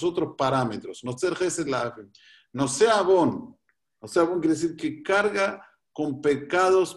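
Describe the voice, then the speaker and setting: A man, a rabbi explaining prayers step by step and repeating key phrases. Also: mid-range voice. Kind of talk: religious teaching in a talk.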